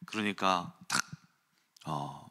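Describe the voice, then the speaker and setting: A man preaching an early-morning sermon, telling a personal story in an animated way and acting out quotes and sounds. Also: low-pitched, slow pace.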